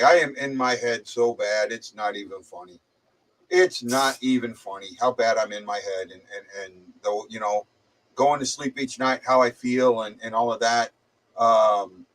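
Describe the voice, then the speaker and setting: A man of middle pitch talks loosely through a muffled, speakerphone-like sound, as if the mic sits some way off. He has a slight head cold. He rambles and often repeats himself as he hosts a casual chat. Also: a bit bright, recorded from a distance. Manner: rambling, hesitant, stumbling repeats. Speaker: livestream host.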